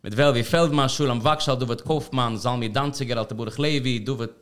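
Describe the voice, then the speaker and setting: A man's voice: mid-range voice, fairly even intonation, brisk, clear, resonant tone. A man hosting a podcast in a studio, chatting loosely and rambling, with English words mixed in. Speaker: podcast host. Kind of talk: casual interview chat.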